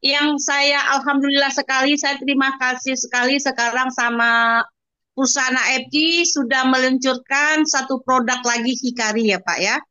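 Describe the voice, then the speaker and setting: High-voiced mother giving a heartfelt testimonial. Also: fairly even intonation, normal speed, bright, forceful tone, clean tone, no echo. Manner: addresses the listener as "Pak" constantly, with pious exclamations. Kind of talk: earnest testimonial interview. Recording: dull, lo-fi dry recording.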